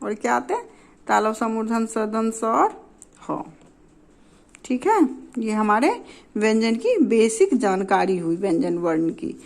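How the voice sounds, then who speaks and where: A woman's voice: a little high, big pitch swings, creaky, a little mellow. A woman teaching a grammar lesson. She repeats each term and example, asks questions and answers them herself, and keeps checking that her students are following. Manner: repeats terms and examples slowly for learners.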